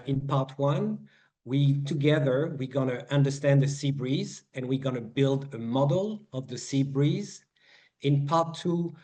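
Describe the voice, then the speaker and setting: French-accented male instructor, slow and mellow, walking through slides on a video call. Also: medium pitch. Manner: slow, explanatory, with many fillers and restarts. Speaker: sailing weather instructor. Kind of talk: online presentation lesson.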